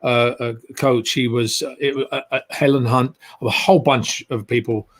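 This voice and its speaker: A man with an English accent, a guest actor telling stories in a relaxed interview, rambling and filling his talk with "you know". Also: medium pitch, moderate pace. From England.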